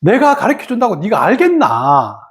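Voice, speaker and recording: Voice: medium pitch, wildly swooping pitch, moderate pace. A storyteller doing a blunt stern spiritual leader. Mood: scolding. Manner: curt, scolding, dismissive.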